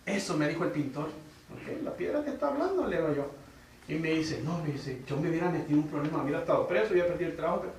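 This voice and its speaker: A man tells a personal story in a loose, conversational way, with a high-set voice. He sounds roomy and a little far from the mic, with faint background noise. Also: racing. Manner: conversational storytelling, frequent "¿verdad?" tags. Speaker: church member sharing testimony. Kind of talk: personal testimony at Bible study. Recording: roomy church hall, distant mic.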